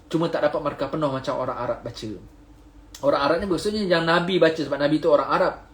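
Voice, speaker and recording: A Malaysian man teaching Quran recitation live, patiently explaining pronunciation and chanting verses slowly. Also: fairly high pitch, roomy sound. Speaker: religious teacher.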